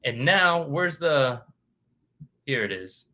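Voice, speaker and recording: A man's voice: medium pitch, big pitch swings, slow pace, pushed and bright. A man hosting a casual boxing vlog, reading news headlines aloud and chatting with lots of fillers. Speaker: boxing channel host.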